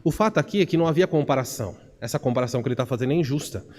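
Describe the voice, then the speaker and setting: A man's voice: mid-range voice, expressive, racing, a little mellow. A Brazilian man preaching an expository sermon as pastor, earnest and putting questions to his congregation. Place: church sanctuary. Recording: long church reverb.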